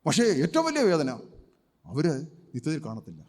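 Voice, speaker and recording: A male pastor preaching a sermon emphatically, firing rhetorical questions and breaking into loud cries of praise. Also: on the high side, wildly swooping pitch, normal speed. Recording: long hall reverb.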